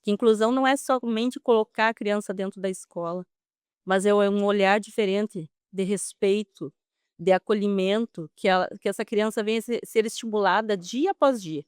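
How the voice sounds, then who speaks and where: A woman's voice: mid-range voice, normal speed, clear, resonant tone, dry recording, studio quality. A woman guest speaking earnestly and emphatically about inclusion in an interview. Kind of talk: interview answers.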